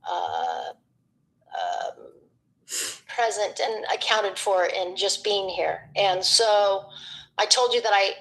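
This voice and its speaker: A middle-aged woman, a former radio DJ, talking as a guest in a rambling, animated way, acting out what people said to her. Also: medium pitch, slow, pauses often, poor audio. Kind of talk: reflective conversational chat.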